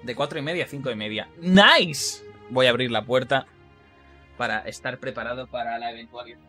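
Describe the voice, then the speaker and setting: A man's voice: mid-range voice, steady tone, brisk, pushed and bright, soft background music. A man with a Madrid Spanish accent giving casual, rambling commentary while streaming a game, full of self-mocking jokes. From Spain. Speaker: gaming streamer.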